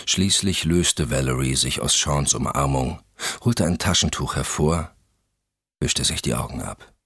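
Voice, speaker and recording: A man reading a novel aloud as audiobook narrator, in an expressive, scripted style. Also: very deep voice, a little slow, breathy edge, dry recording, clean studio sound.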